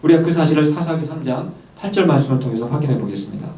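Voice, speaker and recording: A man preaching a sermon in Korean, pausing often on hesitant fillers and slowing to read scripture aloud. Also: on the high side, lively intonation, warm tone. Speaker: pastor. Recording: echoey room, voice from far off.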